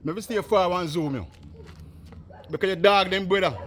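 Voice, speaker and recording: A man's voice: high-pitched, normal speed, a bit bright, a little hiss or hum. A Jamaican man vlogging, chatting in repetitive patois banter and calling out to someone from a distance. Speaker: vlogger interviewing a local. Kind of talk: casual street chat.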